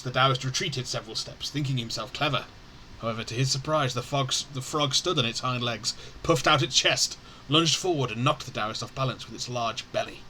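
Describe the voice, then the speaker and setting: Bright-voiced man reading game lore. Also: medium pitch, slight background noise, rough recording. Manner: stumbles and corrects himself, self-mocking. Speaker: streamer.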